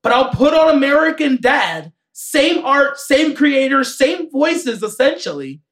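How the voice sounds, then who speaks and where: Man, podcast host, casual chat, animated, teasing, swears casually, lively pitch. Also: unhurried.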